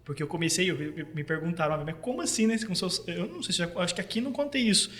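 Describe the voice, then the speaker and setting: Male podcast host, pitched high, earnest and rambling, interrupts himself. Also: animated, very fast, a bit bright. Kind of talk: casual faith podcast chat.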